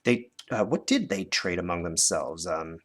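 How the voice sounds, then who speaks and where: Speaking at a normal speed, this teacher has a low, a bit bright voice with lively intonation and a North American accent. He chats with children while demonstrating at an indoor desk, asking questions to guide them, with the camera looking down from overhead.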